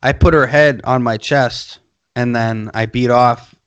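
A man's voice: mid-range voice, steady tone, a little slow, a bit bright, smooth, highs cut off. Rambling, foul-mouthed man co-hosting. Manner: rambling, profane, laughs between phrases. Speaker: podcast co-host. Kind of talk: casual chat. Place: podcast studio.

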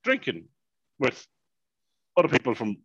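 A man, telling a long, animated story in casual podcast chat and swearing freely. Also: medium pitch, unhurried, dry recording, highs cut off. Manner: animated, swears freely, repeats "mayhem" and "unbelievable". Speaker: podcast co-host.

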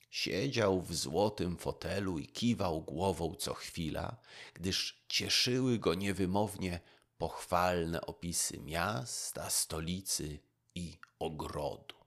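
Slow, low-voiced man reading a bedtime story. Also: creaky. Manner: gentle, unhurried storytelling. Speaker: narrator.

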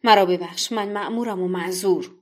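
A woman's voice: fairly low pitch, fairly even intonation, natural voice. A woman voicing a frightened male executioner who speaks hesitantly and apologetically in a told folktale. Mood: pleading.

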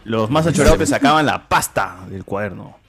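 A man's voice: on the low side, lively intonation, a little fast, a crowd in the background. A man with a Peruvian accent hosting a casual group podcast chat, joking and teasing his friends. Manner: joking, teasing, loud outbursts.

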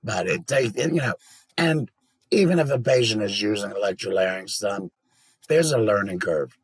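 A man gives a patient, practical explanation, pausing on small fillers as he goes. His voice sits low and comes across husky. The recording is dry, with no room sound. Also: animated, dry recording, low-quality recording. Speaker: podcast guest. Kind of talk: explanatory podcast talk.

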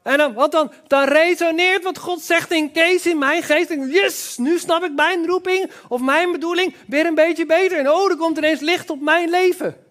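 A man's voice: very high voice, moderate pace, hardly any pauses, fairly bright tone. A man giving a church sermon, who talks with enthusiasm, throws in exclamations and speaks straight to the congregation. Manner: addresses the congregation directly. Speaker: preacher.

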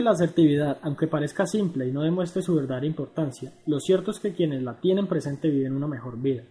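A man reading a scripted educational narration in an even, measured way. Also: a little high.

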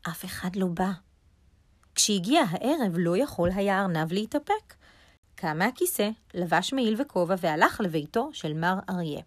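Expressive woman reading a children's story. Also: on the low side, dry recording. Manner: expressive, addresses young listeners.

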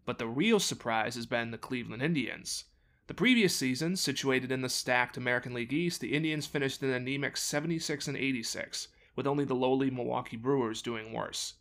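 A man hosts a sports storytelling podcast, reading from a script in an even, mid-pitched voice. He slips wry, sarcastic jabs into the narration. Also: a little fast. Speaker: podcast host.

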